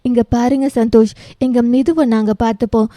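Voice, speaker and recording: Give me a woman doing a protective grown man, measured and gentle. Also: fairly high pitch, steady tone, dry recording, studio quality, lightly acted. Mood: worried. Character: protective older brother, grown man, calm and anxious.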